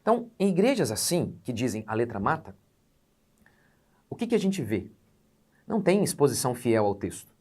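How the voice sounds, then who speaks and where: A man's voice: mid-range voice, very animated, fairly quick, warm tone. A Brazilian man in his forties, a pastor teaching in a sermon, emphatic, posing rhetorical questions and swelling on key words. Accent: Brazilian Portuguese. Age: 40s.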